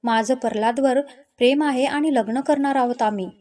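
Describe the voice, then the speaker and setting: A lively young office girl in a spoken love story, talking quickly and plainly, high and mellow in tone, as a woman storyteller puts her on. She pleads at times and snaps at times, an everyday voice with no heavy acting. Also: close to an everyday voice. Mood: angry. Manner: pleading then sharp when crossed.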